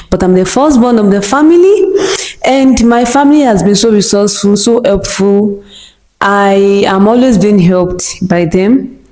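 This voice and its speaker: Young Nigerian woman, Nigerian accent, unhurried reader of her own Q&A, warm dark tone. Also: medium pitch, low-quality recording. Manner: slow and deliberate, reads each question aloud before answering with short laughs. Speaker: content creator answering viewer questions. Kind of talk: scripted question-and-answer monologue.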